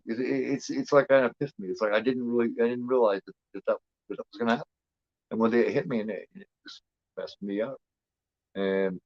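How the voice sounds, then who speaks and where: A fifty-year-old man talks loosely as he watches along, with lots of restarts, fillers and casual swearing. His voice sits a little low. The audio is dull and muffled, and the sound is dry and close. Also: dry recording. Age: 50s. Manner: rambling, repeats himself, frequent fillers and swearing. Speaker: host.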